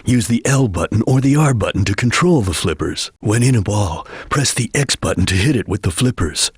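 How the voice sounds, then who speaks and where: An actor playing a serious, disciplined chameleon ninja detective in a video game, husky and terse, speaking in measured lines. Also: male voice, on the low side, lively intonation, no room sound, studio quality. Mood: calm, instructive.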